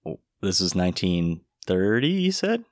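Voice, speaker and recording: A young man hosting a casual trivia podcast, relaxed and quick to laugh. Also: low voice, no room sound, studio quality. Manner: laid-back, laughs a lot. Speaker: host.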